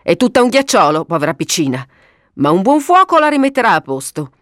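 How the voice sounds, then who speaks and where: A woman voicing a sensible, kindly middle-aged father who talks briskly and gives orders in a read-aloud story. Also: mid-range voice, sing-song, no echo, clean studio sound, close to an everyday voice. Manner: brisk, commonsense, bossy.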